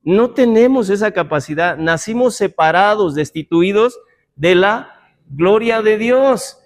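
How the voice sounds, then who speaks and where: Speaking expressively and at a measured pace, a man with a notably high voice teaches a Bible class in a church meeting room. He keeps things informal, mixing doctrine with humor and rhetorical questions for his listeners.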